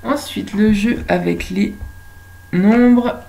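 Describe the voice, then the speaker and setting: Slow, gravelly French teacher. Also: female voice, lowish voice, a little mellow, low-quality recording. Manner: slow, deliberate, stretches out words for children. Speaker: kindergarten teacher. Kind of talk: lesson for young children.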